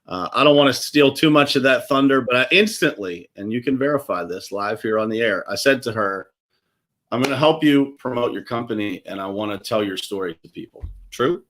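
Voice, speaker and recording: A man's voice: medium pitch, animated, a little fast, fairly bright tone. A man hosting a casual interview, easygoing and full of filler words. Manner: easygoing, lots of "uh" fillers and restarts. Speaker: show host.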